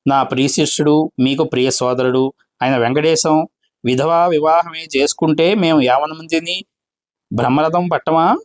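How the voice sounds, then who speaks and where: A man reading as a boastful, self-important tutor who lectures pompously and talks himself up. The voice sits fairly high and stays close to the reader's own. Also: normal speed, dry recording, lightly acted.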